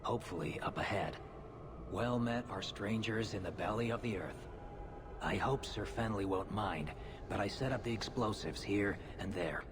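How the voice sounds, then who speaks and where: A deep, gruff dwarf fighter from a fantasy video game. He is stoic and blunt, with old-fashioned turns of phrase. Clear ambient noise runs behind the voice. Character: gruff male dwarf Warden, stoic explosives man.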